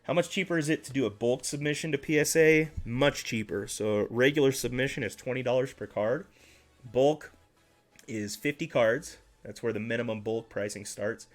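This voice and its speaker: A man hosts a casual card-collecting livestream, speaking at a medium pitch and normal speed. He rambles as he chats with viewers, correcting himself along the way, and sounds a little congested and nasal.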